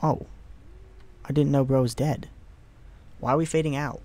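A young man giving casual let's play commentary on a horror game, excitable, muttering to himself and swearing. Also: mid-range voice, moderate pace.

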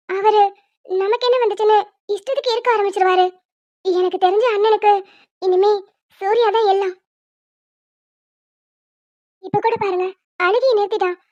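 A bossy, sensible young wife, voiced by a woman in a cartoon, always scolding and lecturing. Her voice is extremely high and squeaky. The recording sounds dull and lo-fi. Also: a little mellow, no room sound. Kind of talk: cartoon voice acting.

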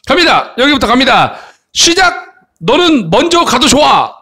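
A man with a high, bright voice leads a children's English lesson. He coaxes his young listeners along and checks in with short tag questions again and again. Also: expressive, moderate pace. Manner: coaxing, frequent tag questions. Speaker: English teacher.

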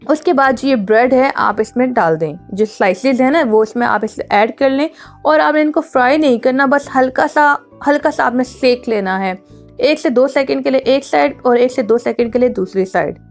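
A woman narrates a home cooking tutorial over faint background music. Her voice sits a little high, and she explains each step in a chatty, instructive manner, going back over her points. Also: normal speed. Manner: chatty, instructive, repeats herself. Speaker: cooking channel host.

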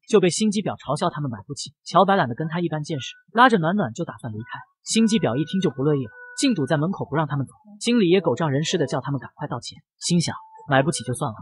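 Fast, lively male story narrator. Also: a little high, husky, no echo. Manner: brisk, dramatic storytelling. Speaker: comic recap narrator.

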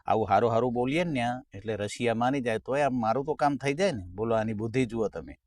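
Male folk comic, storyteller who acts out voices, mid pitch, dry close mic. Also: darkish tone, no room sound. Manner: storytelling, acting out characters' lines; sings short folk song lines slowly. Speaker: comedian. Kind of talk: Gujarati folk stand-up jokes.

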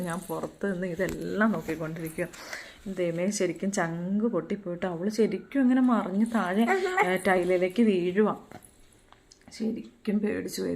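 Chatty mum, lowish voice. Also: female voice, gravelly, darkish tone, a little hiss or hum. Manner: chatty and repetitive, coaxing her toddler in a sing-song voice. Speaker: mother and home vlogger. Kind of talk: casual home vlog chat.

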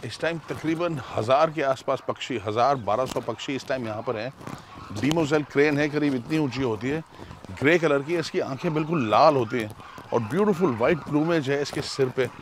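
A middle-aged man hosting a travel show outdoors, earnest and sometimes hushed, speaking on a lapel mic with bird calls and outdoor noise behind him. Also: mid-range voice, normal speed. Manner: earnest, hushed at times, moralizing. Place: outdoors at a desert bird site. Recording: outdoor noise, birds calling.

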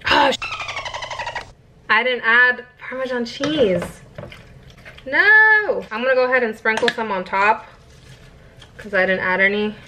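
A woman's voice: a little high, expressive, a little slow, long pauses, noisy background. A young woman in her twenties chatting casually through a home cooking vlog, laid-back and giggly. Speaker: vlogger. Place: home kitchen. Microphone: camera set in the microwave.

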